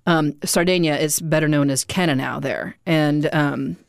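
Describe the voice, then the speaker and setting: Chatty woman co-host, low and dry. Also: fairly even intonation, moderate pace, vocal fry, no echo. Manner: chatty, informative, with frequent restarts. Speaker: wine podcast co-host. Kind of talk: casual chat.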